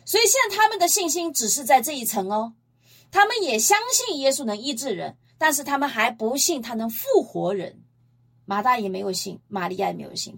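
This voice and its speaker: A woman's voice: sits high, husky. A woman preaching a Bible-teaching sermon, retelling scripture emphatically and posing rhetorical questions to her listeners. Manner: emphatic, lively storytelling.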